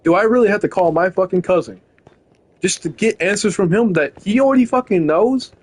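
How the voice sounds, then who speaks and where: A man's voice: sits high, a little fast, breathy edge. A young man streaming live, arguing with a chatbot in a casual, incredulous way, swearing a lot.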